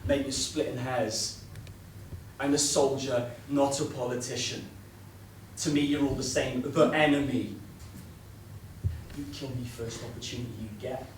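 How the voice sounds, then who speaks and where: A man's voice: mid-range voice, steady tone, a little slow, pauses often, a little hiss or hum, close to an everyday voice. A man playing a hardened British soldier. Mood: blunt. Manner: blunt, heated, clipped soldier talk. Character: stern hardened male British soldier guarding prisoner. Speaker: stage actor. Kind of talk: stage play acting. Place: theatre stage. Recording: echoey room from far off.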